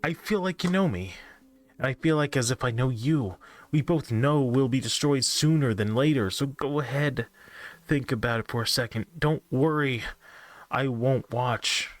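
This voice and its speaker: A man's voice: medium pitch, moderate pace, no room sound, voice pushed up, natural voice. A man reading a creepypasta as an anxious, doom-obsessed narrator who keeps nervously reassuring himself. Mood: uneasy.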